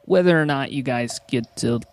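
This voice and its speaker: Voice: medium pitch, normal speed, no room sound. A host leading a casual chat in an easygoing, rambling way, often hesitating.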